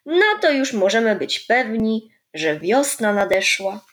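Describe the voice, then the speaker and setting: A woman voicing a kind, patient old grandfather in a children's storybook, speaking in a gentle, coaxing, explaining way. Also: a little high, expressive, unhurried.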